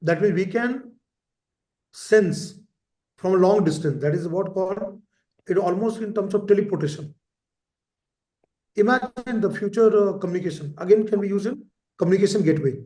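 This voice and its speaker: A man's voice: high-pitched, normal speed, long pauses, dark tone. A man, teaching a lecture class and often repeating key terms and checking in with "right?". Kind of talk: lecture for exam preparation. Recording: echoey room.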